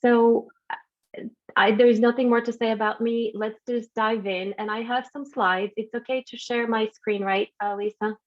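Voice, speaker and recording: A woman's voice: a little high, fairly even intonation, moderate pace. A woman from Bulgaria giving a friendly branding talk over a video call, with frequent restarts and fillers. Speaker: guest speaker. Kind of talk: branding presentation on a video meeting. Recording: dull lo-fi video call audio.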